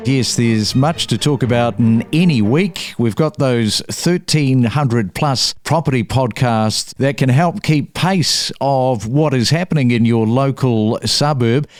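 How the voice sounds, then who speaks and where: A man hosting a property news podcast in a brisk, upbeat presenter style. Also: mid-range voice, dry recording, studio quality. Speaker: podcast host.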